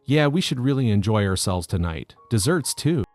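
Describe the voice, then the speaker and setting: A man's voice: on the low side, very animated, moderate pace, darkish tone, no room sound, faint music behind. A man narrating the lines of a sweetly sarcastic young woman in a story. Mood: sweetly mocking.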